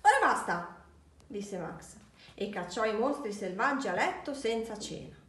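A woman reading a children's picture book aloud for a library, with slow, deliberate storytelling. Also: a little high, expressive. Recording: echoey room, distant mic.

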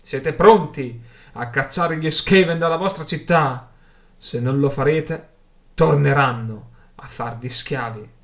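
A young male adventurer bellows a rallying speech from atop a cart, performed by a man reading a storybook aloud. His voice climbs high and loud with passion, pushing each phrase over a restless crowd. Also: slow pace. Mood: fiery rallying shout. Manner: loud impassioned oratory.

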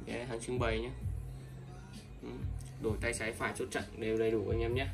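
A Vietnamese fishing tackle seller talks fast with vocal fry and little pitch movement in a casual sales livestream, repeating himself, using many fillers, and calling buyers "brothers." He's indoors at a table of fishing reels. The mic is distant and off-axis, with music playing behind him.

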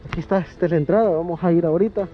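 Rapid-fire and steady in tone, a high male voice carries a casual travel vlog filmed at an outdoor riverside restaurant. The host has a Salvadoran Spanish accent, is chatty and enthusiastic, and laughs frequently; the sound is dull, with faint music behind him.

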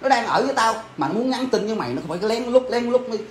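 Casting: a man as a betrayed husband, high voice, rapid-fire lecturing, echoey room. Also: expressive, crowd noise. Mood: heated. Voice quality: rapid, insistent, keeps demanding agreement. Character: wounded, scornful husband, middle-aged man. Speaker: husband confronting his cheating wife. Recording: echoey room with faint ambience.

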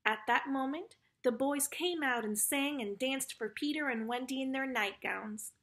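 Gentle woman reading to children. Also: high voice, normal speed. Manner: warm, gentle, affectionate. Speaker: storyteller.

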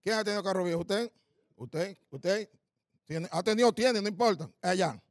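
High gravelly Dominican stand-up comic. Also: male voice, moderate pace, dry recording, clean studio sound. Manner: punchy storytelling with coarse slang, quizzing the audience. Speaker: stand-up comedian. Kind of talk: stand-up comedy. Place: live comedy stage.

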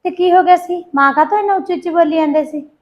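A woman acting out a kind young law student who reassures her sister-in-law. Her voice is high and friendly. The sound is dull and lo-fi, like a home video. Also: quick pace. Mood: reassuring. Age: young adult. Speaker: daughter in a family short film. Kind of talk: amateur family drama acting.

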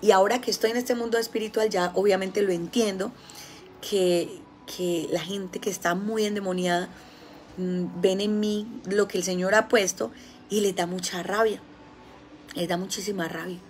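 A woman with a Colombian accent giving a casual spiritual talk, telling stories with lively, acted-out quotes. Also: mid-range voice, normal speed, slight background noise. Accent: Colombian Spanish. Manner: animated storytelling, acting out quoted voices. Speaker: spiritual healer.

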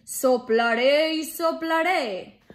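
A woman voicing a loud, menacing male wolf in a children's story, drawing out her threats. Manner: booming, drawn-out threats.

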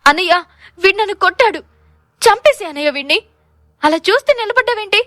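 A woman's voice: extremely high pitch, animated, a little fast, a bit bright, no echo, studio quality, voice pushed up. A woman voicing an arrogant, spoiled young woman who screeches and gives orders in an audio drama. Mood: screeching. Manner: screeching, commanding.

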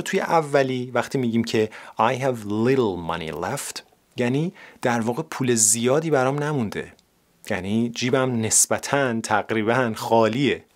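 A man teaching English grammar, speaking to his viewers in Persian and reading the English example sentences slowly and clearly. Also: mid-range voice.

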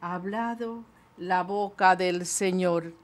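Older woman lector, very slow and measured scripture reading, lectern mic in a small chapel. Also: lowish voice, fairly even intonation. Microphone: lectern microphone.

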